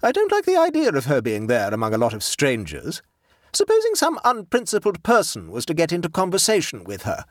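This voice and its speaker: A man's voice: a little high, wildly swooping pitch, a little fast, dry recording, clean studio sound, pitched above the performer's own voice. A man doing a stern old dowager. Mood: reproving. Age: older. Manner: reproving, clipped.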